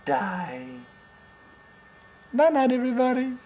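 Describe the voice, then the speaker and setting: A man's voice: very high-pitched, very animated, takes it slowly, dark tone, slight background noise. An older man, playfully reading picture books to a toddler at home, with teasing questions and animal noises.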